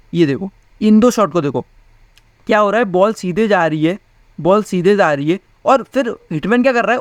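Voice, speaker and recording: A man's voice: high voice, no echo, clean studio sound. A young man teaching a physics class in a casual, chatty way, often asking his students questions. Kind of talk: casual Hindi class lecture.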